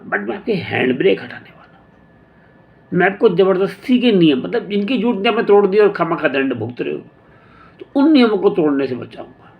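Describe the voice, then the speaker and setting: A man with a fairly high, gravelly voice gives a relaxed motivational talk to his viewers. He speaks unhurriedly, thinks aloud with frequent pauses and restarts, and slips English phrases into his sentences. The recording sounds dull and lo-fi. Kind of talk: casual motivational talk to camera.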